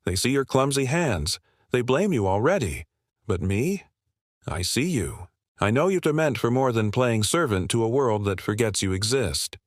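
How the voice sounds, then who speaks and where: Sly dark tempter spirit acted by a man. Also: mid-range voice, very animated, measured pace, no room sound, studio quality. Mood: insinuating.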